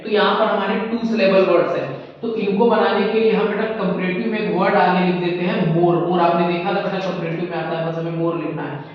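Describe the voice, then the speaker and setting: A male English teacher explaining grammar to students in a classroom, calling them "beta" and repeating words slowly. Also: high-pitched. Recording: echoey room, distant mic, dull sound.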